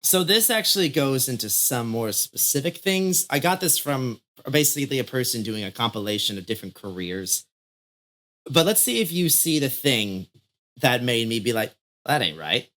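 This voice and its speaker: A man's voice: mid-range voice, expressive, normal speed, fairly bright tone. Easygoing laughing male podcast host. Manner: laughs often, easygoing and playful; rambling, trails off mid-thought. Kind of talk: casual podcast chat.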